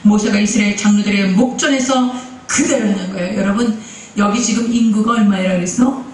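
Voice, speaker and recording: A man's voice: high-pitched, fairly even intonation, brisk. A male pastor preaching a sermon, emphatic and repetitive, often turning to the congregation with direct questions. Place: church sanctuary. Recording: echoey church hall, mic at a distance.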